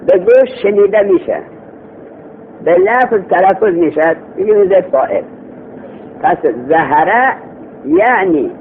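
Man teaching grammar over a tinny line. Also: high-pitched. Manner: explains slowly and repeats phrases, asks rhetorical questions. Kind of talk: classroom lesson. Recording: tinny phone-like recording with faint noise.

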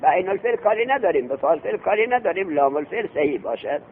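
A man teaching a classroom lecture on Arabic grammar, telling an anecdote, quizzing his students and chanting the text slowly. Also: sits high, big pitch swings. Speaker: religious seminary teacher. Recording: tinny lo-fi lecture recording with hum.

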